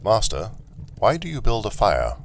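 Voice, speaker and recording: A man's voice: fairly low pitch, huge pitch swings, normal speed, a little hiss or hum, pitched above the performer's own voice. A man voicing a wobbly old male automaton guard who speaks in a stiff, formal, repetitive way.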